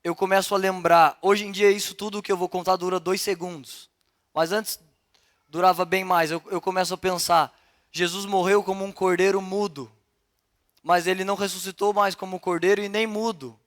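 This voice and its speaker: Young man from brazil, high voice, preaching, animated and chatty, church service. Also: normal speed. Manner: animated and conversational, acting out dialogue. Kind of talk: sermon.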